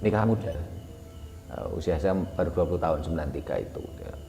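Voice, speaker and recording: A man recounting his life in a relaxed, halting way, full of fillers and self-corrections. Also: low voice. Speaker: guest telling his life story. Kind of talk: casual spoken memoir. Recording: echoey room with long reverb, faint music.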